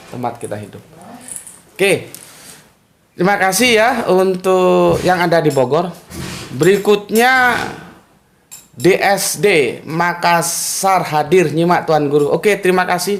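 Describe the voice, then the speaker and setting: A man hosting a casual religious study talk, answering viewer comments in a lively, conversational way. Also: high voice, roomy sound.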